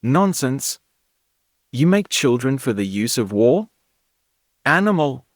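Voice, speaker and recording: A man voicing a furious, hungry uncle who shouts his complaints, in a storybook reading. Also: mid-range voice, big pitch swings, takes it slowly, no echo, clean studio sound, pitched above the performer's own voice. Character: angry hungry adult male uncle.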